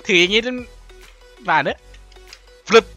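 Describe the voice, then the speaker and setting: A young man playing and commenting on a video game in a casual, playful way, laughing often and yelping when excited. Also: high-pitched, fairly quick, soft background music. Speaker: gaming YouTuber.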